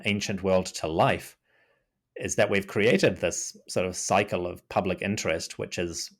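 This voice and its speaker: Thoughtful and prone to restarts, a deep-voiced New Zealander peppers his speech with "you know." He's an Egyptology podcaster guesting on a podcast, speaking in casual interview style over a remote call.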